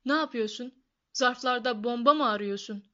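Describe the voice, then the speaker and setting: A woman's voice: on the high side, normal speed, sharp tone, muffled recording. A woman voicing a blustering, bad-tempered middle-aged uncle who barks and snaps. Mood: mocking. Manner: gruff, barking and snapping.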